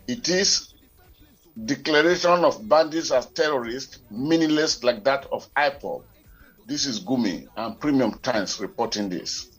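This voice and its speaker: A man's voice: mid-range voice, lively intonation, a little slow, fairly bright tone, husky. A Nigerian man co-hosting a radio current affairs show, heard over a telephone line, talking in a formal, wordy and digressive way. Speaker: radio talk show co-host.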